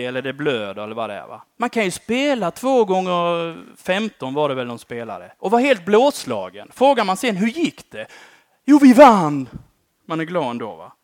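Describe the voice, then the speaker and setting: Male preacher, slightly higher voice, very lively pitch, chatty sermon delivery with frequent "va?" tags, dry close sound. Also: no room sound. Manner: conversational, often ends phrases with a questioning "va?"; dynamic, swings between loud emphatic lines and quiet dropped-off endings.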